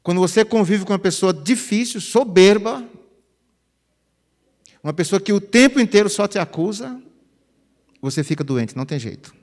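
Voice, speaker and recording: A pastor, preaching a chatty, conversational sermon. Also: male voice, high voice, moderate pace, long pauses. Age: 50s. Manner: chatty, animated, peppers phrases with "né?". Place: church sanctuary. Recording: reverberant church hall.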